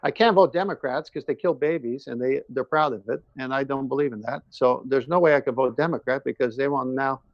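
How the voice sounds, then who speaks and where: Speaking fairly quickly with hardly a pause, a medium-pitched man shares his opinions and personal experience in a long, casual conversation. He was born in Iran and moved to the US at seven. Earnest and emphatic, he repeats himself often; the recording has no room sound and its highs are cut off.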